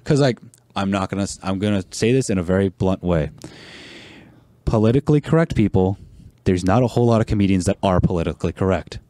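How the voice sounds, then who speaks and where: Man, casual podcast guest, mellow dark tone, blunt rambling talk, dry close mic. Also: deep voice, expressive, quick pace, dry recording. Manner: rambling, blunt, laughs often. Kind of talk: casual chat.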